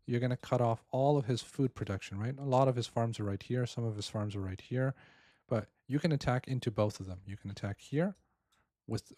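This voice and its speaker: Tired man coaching strategy, mellow voice. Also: medium pitch, dry recording, studio quality. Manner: explains step by step, keeps asking "right?". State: tired, voice wearing out. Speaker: game coach reviewing a viewer's match. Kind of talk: casual strategy commentary.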